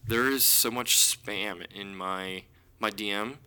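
A man co-hosting a casual podcast in a halting, stop-and-start way, sounding like he is inside a concrete bunker, in an apartment with hard walls and floors. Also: fairly even intonation, sharp tone, clean tone. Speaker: podcast co-host. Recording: boomy hard-walled room, like a concrete bunker.

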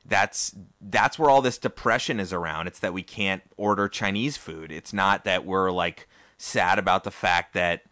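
A man's voice: sits low, normal speed, bright, forceful tone, dry recording, studio quality. A man hosting a podcast, talking frankly and joking, with some profanity. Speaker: podcast host. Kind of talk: casual podcast chat.

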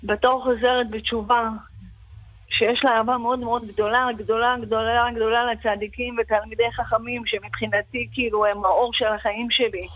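Woman guest, emotional testimony, animated and repetitive, dull dry radio audio. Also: fairly high pitch, dry recording. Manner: animated, repeats words for emphasis.

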